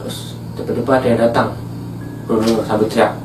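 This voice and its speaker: A man's voice: on the low side, flat delivery, fast talker, distant mic, noisy background. Chatty man telling a horror story. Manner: chatty, addresses listeners as guys. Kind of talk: casual horror story narration. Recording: echoey room, off-mic, music behind.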